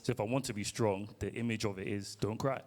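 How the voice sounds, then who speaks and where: A man with a low voice lays out his argument slowly and calmly. He builds it one step at a time in a casual discussion. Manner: measured, reasons step by step. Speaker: panel member.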